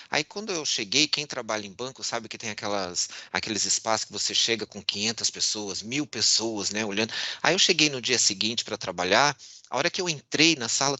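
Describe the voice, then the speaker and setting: A man, moderating a panel and telling his own story in an expressive, earnest way, often restarting his sentences. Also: medium pitch, no echo. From Brazil, São Paulo. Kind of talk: personal storytelling in a panel talk.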